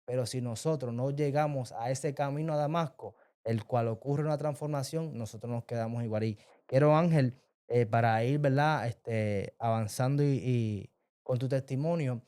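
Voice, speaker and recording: A man hosts a faith interview and asks his guest questions in a slow, halting way, with many fillers. His voice is dark and mellow. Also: medium pitch, clean tone. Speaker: host.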